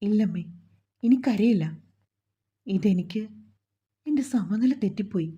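A woman's voice: medium pitch, unhurried, mellow, slightly rough, dull audio. A woman voicing a frightened, tearful young pregnant woman who talks in a plaintive, fearful way. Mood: tearful, afraid.

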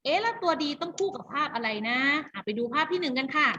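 A woman teaching an online English class to kindergarten children over a video call, animated and full of praise in a sing-song tone. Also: high voice, fast. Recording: slightly dull video-call audio with faint noise.

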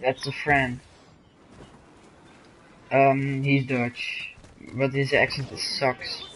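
A man's voice: medium pitch, monotone, very slow, fairly bright tone, a little hiss or hum. A man giving casual commentary while playing a game on a livestream, often exclaiming as he reacts. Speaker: streamer.

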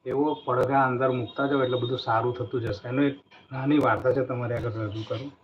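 A man's voice: mid-range voice, fairly even intonation, brisk. Earnest man giving a motivational talk. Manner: earnest, storytelling, repeats key phrases. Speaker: motivational speaker. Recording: dull lo-fi recording with faint noise.

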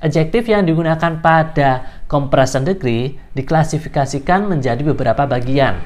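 A man giving an informal online English grammar lesson, patiently explaining and repeating key terms to his viewers. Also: medium pitch. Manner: chatty and informal, addresses viewers directly. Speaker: English tutor.

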